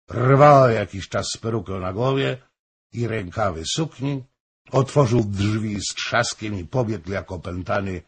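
A man narrating a historical novel as an audiobook, slow and expressive. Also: lowish voice, slightly rough.

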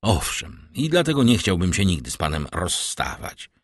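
A man reading the part of a calm, worldly nobleman who speaks with smooth, measured courtesy. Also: low voice, no room sound, studio quality. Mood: courteous. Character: suave worldly nobleman, calm and gently teasing. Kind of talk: audiobook character reading.

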